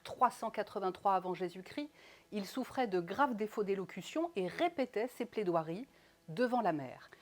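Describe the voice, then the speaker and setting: A woman coaching public speaking in an instructional video, with crisp articulation and strongly stressed, lively intonation. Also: medium pitch.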